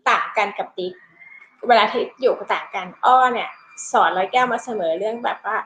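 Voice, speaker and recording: A woman's voice: medium pitch, a little fast, a bit bright, echoey room, a little hiss or hum. A woman, a mother chatting casually about raising her child, laughing often. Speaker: mother and co-host. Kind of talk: casual chat.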